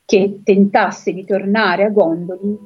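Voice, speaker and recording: A woman retelling a fantasy story in an unhurried way, pausing often with filler sounds and reading passages aloud from the book. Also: medium pitch, steady tone, breathy edge. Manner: unhurried, pauses often with filler sounds while she explains. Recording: dull lo-fi recording with faint music.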